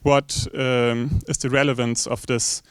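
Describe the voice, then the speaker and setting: A man from Germany with a German accent, posing a spontaneous academic question in halting, searching phrases. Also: mid-range voice, level tone, clear, resonant tone, no echo. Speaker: audience questioner.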